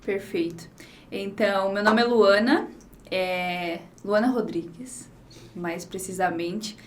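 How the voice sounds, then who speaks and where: A woman's voice: medium pitch, takes it slowly. A woman in her twenties from southern Brazil, a podcast guest talking in a friendly, conversational way. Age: 20s. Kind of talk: casual podcast chat.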